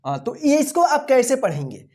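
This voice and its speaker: A man's voice: very high-pitched, sing-song, moderate pace, darkish tone. A male English teacher giving an online phonics lesson, spelling words letter by letter and checking in with "theek hai na" after almost every point. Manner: asks rhetorical questions, repeats "theek hai na" often.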